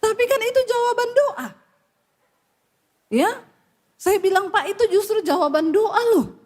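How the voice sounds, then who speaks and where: A woman's voice: extremely high pitch, animated, unhurried, darkish tone. A middle-aged woman pastor preaching a sermon, blunt and scolding, telling stories and acting out the people she quotes. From Indonesia.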